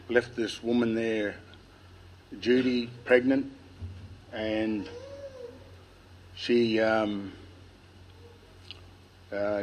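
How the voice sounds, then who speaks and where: A man with an Australian accent and a lisp tells family history informally to listeners, nervous and halting, with a dry mouth. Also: fairly low pitch, slight background noise, low-quality recording. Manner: nervous, halting delivery with long pauses. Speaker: speaker telling family history. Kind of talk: informal public speech, oral storytelling.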